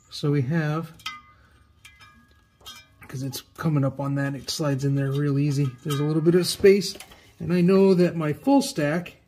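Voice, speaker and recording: A man's voice: a little high, a little mellow. A man talking casually and matter-of-factly to viewers as he does hands-on mechanical work in a garage, filming himself. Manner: informal, matter-of-fact. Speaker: DIY mechanic filming a build. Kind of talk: casual hands-on explanation to viewers while working. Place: garage workshop, working on a car. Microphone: camera set near the engine, off the speaker.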